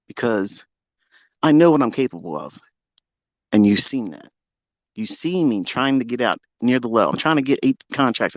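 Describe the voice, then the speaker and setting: Profane, boastful man in a dry close room. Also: no echo. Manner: profane, boastful, taunting, swings from loud to low. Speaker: trading mentor. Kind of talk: combative live-audio rant. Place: home, on a live audio room call.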